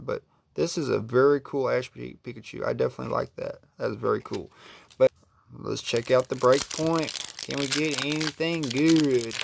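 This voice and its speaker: Slow, gravelly man opening cards. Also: medium pitch, slight background noise. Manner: slow, easygoing, admiring each card aloud. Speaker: card pack opener. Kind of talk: casual unboxing commentary.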